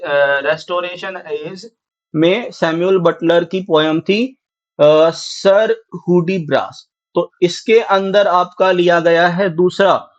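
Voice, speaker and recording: High-voiced Haryanvi man teaching. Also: dry recording. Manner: repeats questions to students and answers them himself; mixes English terms into Hindi. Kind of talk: exam-prep lecture. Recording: dry, slightly dull sound.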